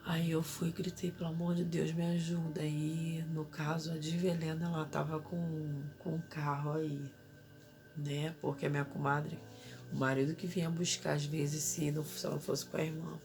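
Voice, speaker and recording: A woman's voice: low-pitched, little pitch movement, moderate pace, darkish tone, soft background music. A woman in her thirties telling an emotional personal story as a mother, urgently reliving her own desperate cries for help.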